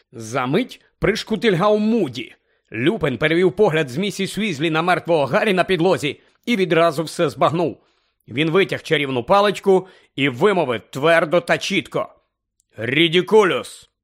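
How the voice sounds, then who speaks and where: Audiobook narrator: man, slightly high voice, dramatic and expressive reading. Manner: dramatic, shifting tone with the story.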